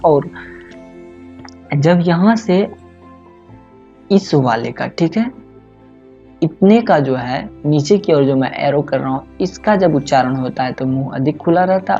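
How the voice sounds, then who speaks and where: A man's voice: on the high side, dark tone, muffled recording. A man teaching a lesson over slides, addressing listeners as friends and often checking in with "okay". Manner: fills pauses with a frequent "thik hai".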